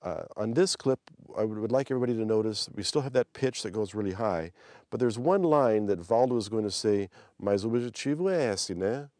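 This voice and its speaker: A man's voice: fairly low pitch, normal speed, a little mellow, no room sound, studio quality. A man hosting a language lesson who explains sentence patterns and imitates the intonation of example phrases. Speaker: language teacher host.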